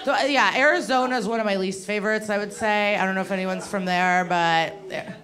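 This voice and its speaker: Loud laughter from a live audience rings through this small, dim venue as a woman in her thirties works a handheld mic. Her medium-pitched voice runs a little fast through a chatty, rambling stand-up set with asides to the crowd.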